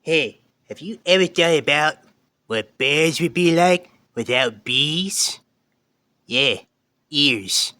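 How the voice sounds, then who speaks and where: A man's voice: on the high side, animated, slow pace, bright, forceful tone, heavily acted. A man voicing a corny puppet comic, trading setup-and-punchline banter in a comedy act. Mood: corny, playful. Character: corny joke-telling male puppet comic.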